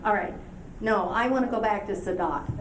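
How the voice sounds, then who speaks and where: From the audience of a university lecture, a Palestinian woman presses the speaker with a long, persistent question full of fillers and restarts. Her voice is medium-pitched and her pace moderate. It's captured on old lecture-hall tape that sounds distant, roomy and noisy.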